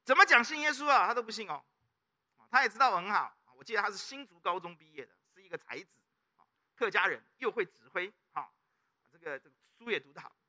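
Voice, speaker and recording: A fast-talking, high-pitched middle-aged man with a Taiwanese Mandarin accent preaches as a pastor. He keeps the sermon animated by regularly posing questions to the congregation and drawing responses.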